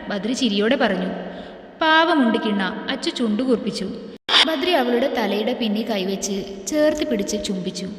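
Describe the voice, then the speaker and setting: A woman narrating a romantic family story in a gentle, steady storybook manner, with a long echo around her voice. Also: fairly high pitch. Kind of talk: scripted narration. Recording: echoey room with long reverb.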